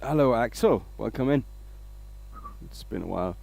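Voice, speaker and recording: A man's voice: medium pitch, animated, moderate pace, vocal fry, darkish tone. A man from Denmark, hosting a casual woodturning livestream, rambling along and greeting viewers by name.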